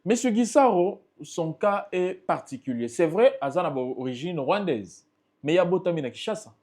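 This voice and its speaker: At a moderate pace, this high-pitched, animated man with a darkish tone speaks Congolese-accented French. He is a guest in an interview, a political party spokesperson making emphatic, impassioned arguments.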